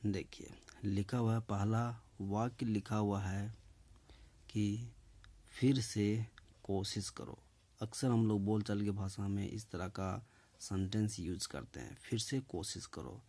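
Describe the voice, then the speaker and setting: A man with a lowish, warm voice hosts his own English lesson. He speaks slowly and deliberately, dictating and repeating each phrase. He often checks in with his listeners with "okay". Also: fairly even intonation. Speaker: English teacher and channel host.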